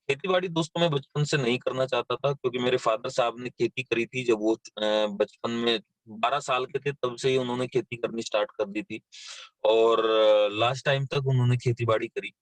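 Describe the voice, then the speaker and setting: A man's voice: mid-range voice, steady tone, moderate pace, no echo. Man telling his life story with many fillers. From western Uttar Pradesh, India. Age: 30s. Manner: plain storytelling, frequent fillers and repeated words. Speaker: invited speaker sharing his story. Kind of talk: motivational talk on a live session.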